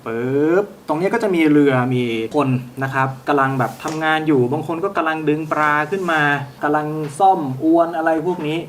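A man running a tabletop role-playing game as game master, narrating scenes in a calm, descriptive way with polite particles. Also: fairly high pitch, normal speed, few pauses, slight background noise.

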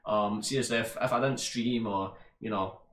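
A young man with a Scottish accent answering viewer questions in a casual gaming vlog, relaxed and rambling, full of ums and "bro". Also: lowish voice, normal speed. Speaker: YouTube gaming creator. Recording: roomy echo.

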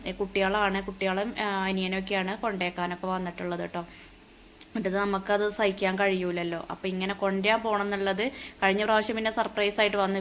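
A woman's voice: medium pitch, a bit bright, slight background noise. Chatty Keralan woman vlogging. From Kerala, India. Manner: chatty, tag-heavy storytelling. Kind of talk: casual narration. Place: airport, indoors.

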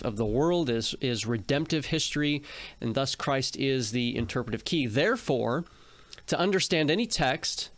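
A man's voice: medium pitch, no echo. A man co-hosting a theology discussion podcast, explaining ideas in long runs and speeding up at times. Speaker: podcast co-host.

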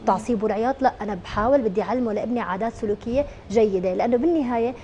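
Fast-talking Syrian woman explaining. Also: fairly high pitch, a little mellow, a little hiss or hum. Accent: Syrian Arabic. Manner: explanatory, rapid, many fillers and restarts. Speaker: educational psychologist guest. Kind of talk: TV morning show interview.

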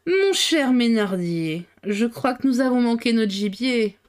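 A woman's voice: a little high, brisk, a little mellow, lightly acted. A woman voicing a bold, mocking middle-aged male detective in a novel read aloud.

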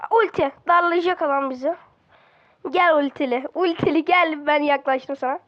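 A high-pitched woman talks through her game in a casual, excitable way, breaking into exclamations and grumbling at the other players. She is recording in a bedroom at home. The sound is slightly dull and lo-fi. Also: normal speed. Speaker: gaming video creator. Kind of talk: casual gameplay commentary.

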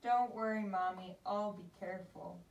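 A woman's voice: medium pitch, steady tone, moderate pace, creaky, highs cut off, lightly acted. A woman playing a sweet, trusting little girl in a children's fairy tale, earnest and childlike. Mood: eager. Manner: earnest, wide-eyed, childlike. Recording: distant, echoey room.

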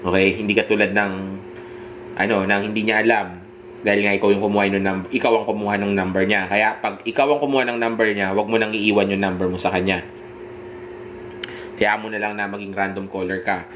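Filipino guy coaching on dating, direct, keeps asking okay?, lower voice, faint noise behind. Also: little pitch movement, brisk, a bit bright. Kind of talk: instructional monologue.

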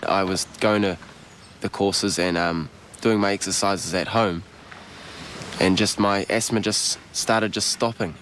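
A nineteen-year-old man with a New Zealand accent talks outdoors in a casual, hesitant way. His voice sits fairly low. Clear background noise runs behind him. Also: fairly even intonation, measured pace, fairly bright tone.

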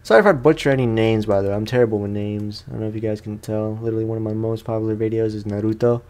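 A gaming streamer with a lowish, steady, slightly mellow voice races through his lines. He gives loose, rambling, slang-filled commentary while playing a video game for his viewers.

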